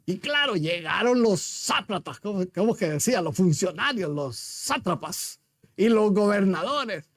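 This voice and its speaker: A man's voice: high voice, big pitch swings, unhurried, a bit bright, dry recording, studio quality. A man preaching a sermon as pastor, retelling a story with emphasis and rhetorical questions to his congregation.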